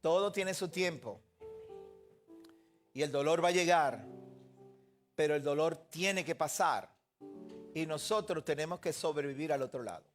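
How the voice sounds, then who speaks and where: Male pastor, sermon, earnest and questioning, slightly high voice, faint music under. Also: measured pace, long pauses. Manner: earnest, questioning the listeners directly.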